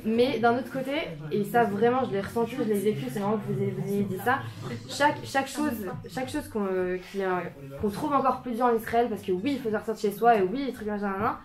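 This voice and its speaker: A young woman in her twenties the suburbs, giving an informal talk to a small group in a community room, filmed by a camera. She hesitates often, restarts and fills pauses. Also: fairly high pitch, a crowd in the background. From France, Paris suburbs. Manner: hesitant, many fillers and restarts, self-conscious laughter.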